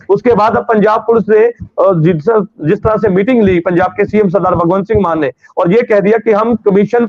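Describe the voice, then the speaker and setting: A man anchoring a TV news debate, brisk and firm, steering panelists along. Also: high-pitched, lo-fi sound.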